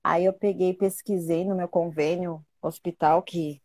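Woman, lowish pitch, dry close sound, emotional, repeats herself. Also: fairly even intonation, normal speed, a little mellow, dry recording. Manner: emotional, repeats words, acts out dialogue. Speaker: guest sharing her cancer story. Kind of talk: casual conversational storytelling.

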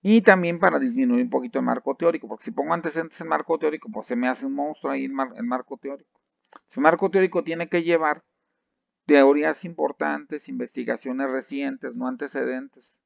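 A man lectures with a heavily gravelly, creaky voice at a middle pitch. He keeps checking in with his listeners and often restarts his phrases. The sound is dry and a little dull. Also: brisk, dry recording. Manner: lively, asks the class "¿sí?" often, many restarts. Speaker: university lecturer. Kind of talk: classroom lecture.

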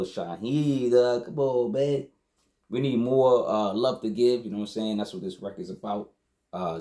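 Here a hip-hop album reviewer with a fairly low, slightly mellow voice talks through a rap record. His take is casual and full of slang, with "you know what I'm saying" coming up again and again.

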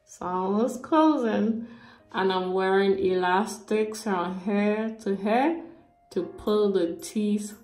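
A woman's voice: medium pitch, slow pace, darkish tone, faint music behind. Woman talking with finger in mouth. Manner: chatty, addresses viewers directly. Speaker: vlogger. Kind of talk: casual vlog update. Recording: echoey room from a distance.

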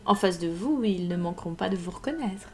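A woman's voice: fairly low pitch, lively intonation, fairly quick. A woman reading aloud plays a cold, relentless male ex-police inspector who speaks dryly and with hard precision, over faint music. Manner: dry, hard, precise, menacing. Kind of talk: live audiobook reading.

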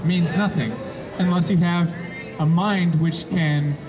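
A man's voice: a little high, steady tone, takes it slowly. A man making a methodical debate argument, reasoning step by step and posing rhetorical questions to listeners. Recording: music and crowd noise behind. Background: music and crowd.

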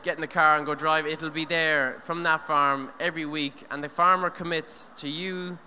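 This is a young Irishman giving a sincere but meandering talk at an eco event, handheld mic in hand on a large hall's stage, with plenty of restarts and "you know"s. His pitch is fairly high and barely moves, his pace is moderate, and his tone is sharp. There's a long hall echo and faint noise in the recording.

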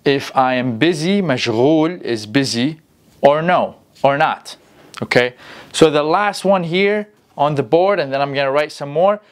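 A man's voice: fairly high pitch, animated, moderate pace. Young Iraqi-accented man teaching casually. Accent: Iraqi Arabic. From Iraq. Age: young adult. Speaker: language teacher and channel host. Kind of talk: casual language lesson to camera. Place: small room indoors.

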